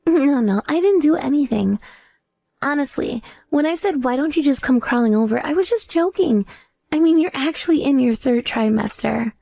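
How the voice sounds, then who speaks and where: Actress as creaky, high-voiced grateful accomplice. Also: female voice, lively intonation, normal speed, warm tone, no echo. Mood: impressed. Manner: effusive, modest. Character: grateful, gushing female accomplice in revenge. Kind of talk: dramatized story dialogue.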